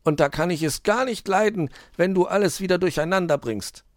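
A man's voice: high voice, a little fast, no room sound, clean studio sound, pitched above the performer's own voice, lightly acted. A man voicing a grumpy, flustered male fox thief in a storybook, grumbling and falsely cheery. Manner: grumbling, fake-cheery when caught. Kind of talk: storybook read-aloud.

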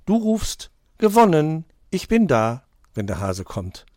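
A man voicing a calm clever mother tortoise. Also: mid-range voice, a little slow, dry recording, clean studio sound, pitched above the performer's own voice.

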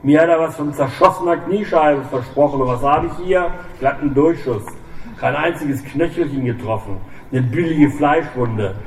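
A man voicing a shady doctor who mocks with slow, drawn-out words. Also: a little high, lightly acted. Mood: mocking. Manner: mocking, drawn-out. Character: mocking male backroom doctor. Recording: echoey room, distant mic, faint hiss.

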